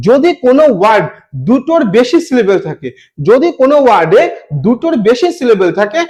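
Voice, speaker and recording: A man's voice: very high voice, darkish tone. A young man teaching an exam-prep grammar lesson, repeating each rule and spelling words out letter by letter. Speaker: English teacher.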